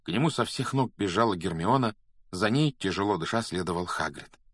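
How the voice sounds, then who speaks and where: A man reading a storybook aloud as narrator, in a steady, measured way. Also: low voice, breathy edge, no echo, studio quality. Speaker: audiobook narrator.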